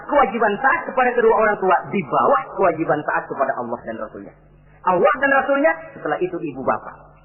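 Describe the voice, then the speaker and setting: A middle-aged Indonesian man preaching a sermon, animated and acting out the voices of people in his stories. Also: high voice. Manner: animated, acts out quoted voices. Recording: tinny lo-fi old recording.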